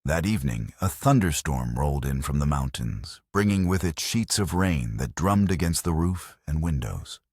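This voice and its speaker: A man narrating a western story in a slow, measured storybook reading. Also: very deep voice, lively intonation, darkish tone, husky, no room sound, studio quality.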